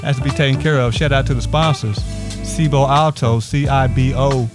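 A man hosting a podcast from a house, talking loose and hyped with plenty of shout-outs. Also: mid-range voice, steady tone, normal speed, music in the background. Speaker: podcast host. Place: a house set up as a home studio.

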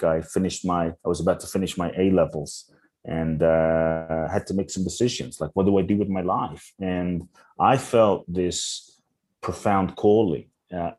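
A young adult man, a podcast guest from Ghana and London, telling his life story earnestly with slow, searching restarts. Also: low voice, darkish tone, slightly rough. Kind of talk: reflective interview storytelling.

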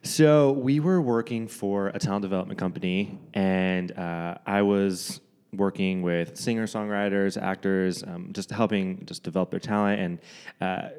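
A man's voice: deep voice, fairly even intonation, moderate pace, hardly any pauses, darkish tone, smooth. A young man from Dallas, chatting easily as a podcast guest with lots of fillers. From Dallas, Texas. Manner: laid-back, rambling with fillers. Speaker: guest, singer-songwriter. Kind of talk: casual interview chat.

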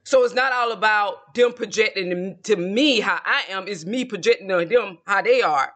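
A man in his late forties who creates tarot videos talks at a moderate pace in a high, fairly bright voice. Alone on camera, he rambles casually and self-assuredly, repeatedly circling back to earlier points.

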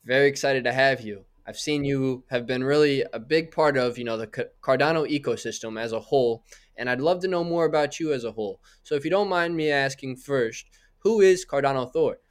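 A man's voice: mid-range voice, brisk. A man hosting a podcast, greeting his guest and asking friendly, enthusiastic questions. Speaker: podcast host. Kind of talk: casual interview.

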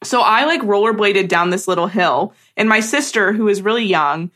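A woman's voice: mid-range voice, moderate pace, a bit bright. A young woman co-hosting a podcast, telling stories in casual chat with lots of "like". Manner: chatty storyteller, heavy use of "like". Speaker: podcast co-host.

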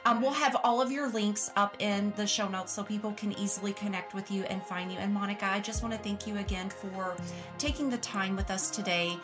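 Woman podcast host, encouraging, lots of yes and i love that, music clearly behind her. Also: mid-range voice, fairly quick. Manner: warmly affirming, encouraging. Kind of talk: casual podcast interview.

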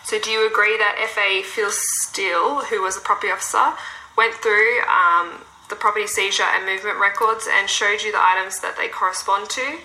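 A woman's voice: mid-range voice, steady tone, normal speed, sharp tone. A woman police constable reading set questions in a formal recorded interview, heard as a played-back police interview recording. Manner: procedural, reads set questions with fillers. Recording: echoey room with faint background noise.

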